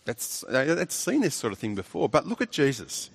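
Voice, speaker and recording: A man's voice: medium pitch, huge pitch swings, normal speed, creaky. A man preaching a sermon, emphatic and full of rhetorical questions, often repeating his words.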